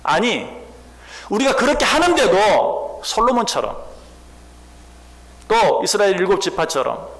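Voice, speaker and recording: A man preaching with a high voice that swoops up and down all the time. He acts out pleading cries and turns to the congregation with questions. He is a pastor giving a sermon in church. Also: a little slow, long pauses. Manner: animated preaching, acting out biblical cries and asking the congregation questions. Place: church sanctuary.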